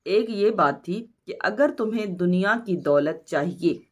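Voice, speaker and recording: A woman with a Pakistani Urdu accent teaches a recorded lesson, her voice set a little low. She reads word meanings slowly and stresses each one as she explains it to her students. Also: expressive, slight background noise.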